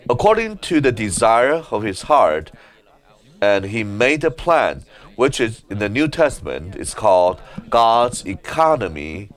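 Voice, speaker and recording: A man preaching at a conference in a meeting hall, halting often with filler sounds as he speaks. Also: lowish voice, very animated. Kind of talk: sermon.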